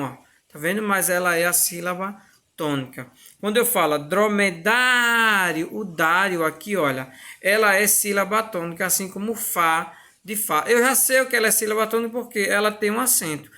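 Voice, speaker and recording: A woman's voice: mid-range voice, a bit bright. A woman teacher with a Brazilian Portuguese accent explaining a school lesson step by step, patient and repetitive, often checking that students follow.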